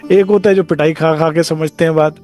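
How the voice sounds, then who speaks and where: A man's voice: on the high side, fairly even intonation, brisk, a little mellow, soft background music. A man giving a devotional discourse as a spiritual teacher, talking conversationally and acting out short dialogues.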